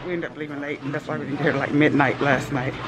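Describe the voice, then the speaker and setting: A man vlogging casually through a face mask, relaxed and rambling as he catches his viewers up. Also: fairly high pitch, fast talker. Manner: relaxed, rambling, laughs easily. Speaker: family vlogger. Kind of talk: casual vlog chat to camera.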